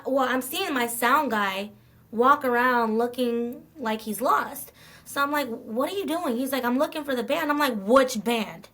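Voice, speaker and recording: A middle-aged woman promoter chats about running her events, her voice sitting a touch high. She is blunt, swears without pause and acts out both sides of the argument as she tells it. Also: fairly bright tone. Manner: blunt, swearing, tells stories with quoted dialogue. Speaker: festival promoter guest. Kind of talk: casual interview chat.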